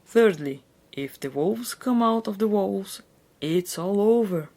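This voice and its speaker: A woman's voice: medium pitch, lively intonation, slow, a little mellow, voice pushed up. A woman voicing a smug, gleeful schoolboy brother in a theatrical, hammy storybook delivery. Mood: know-it-all.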